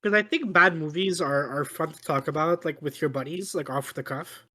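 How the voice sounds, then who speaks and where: Tipsy, rambling man, slightly high voice. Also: moderate pace, bright, forceful tone. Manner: tipsy, from drinking on the show; rambling, repeats himself, swearing. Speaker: podcast host. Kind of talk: casual movie review banter.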